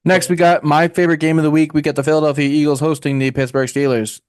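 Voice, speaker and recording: A man's voice: a little high, level tone, darkish tone, no echo, clean studio sound. A man co-hosting a casual sports betting podcast, joking and bantering. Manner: joking, quick banter, mock auctioneer patter. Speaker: podcast co-host.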